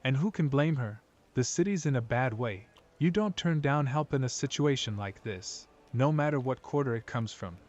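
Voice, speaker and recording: A man's voice: medium pitch, lively intonation, moderate pace, few pauses, a little mellow, dull audio, lightly acted. A man voicing a streetwise, wry tiefling rogue in a video game, plain-spoken and colloquial. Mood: wry, frank. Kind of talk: video game character dialogue.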